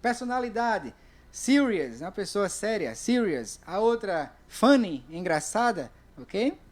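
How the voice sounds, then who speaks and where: Brazilian woman, English teacher, online lesson, slow repetition, frequent check-ins. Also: mid-range voice, very animated. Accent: Brazilian Portuguese. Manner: repeats words slowly, checks in with "ok?".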